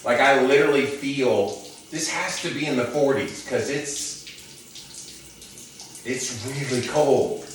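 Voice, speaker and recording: A man chatting calmly and instructively to viewers while standing under ice-cold shower water, stretching and repeating words for emphasis. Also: mid-range voice, slow pace, pauses often. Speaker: vlogger doing a cold-water challenge. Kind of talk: casual instructional vlog chat. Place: open shower in a hotel bathroom. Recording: echoey bathroom, distant mic, noisy running water. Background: running shower water.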